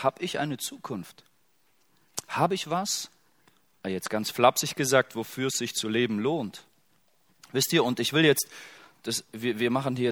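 A man's voice: mid-range voice, fairly bright tone. A middle-aged man preaching a sermon as pastor, in a casual, joking and conversational way, putting many direct questions to his listeners.

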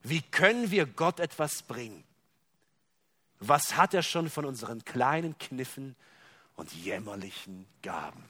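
A man reading aloud in a sermon, voicing a proud elderly aunt who weeps in despair, hushed and broken. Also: mid-range voice, sing-song, a little slow, voice pushed down, exaggerated voice.

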